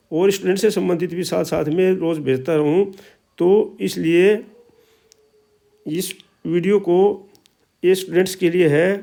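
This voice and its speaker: Male teacher, high-pitched, gravelly, patient repetitive explaining. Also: mellow. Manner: slow, repetitive explaining with drawn-out sounds. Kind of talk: spoken language lesson.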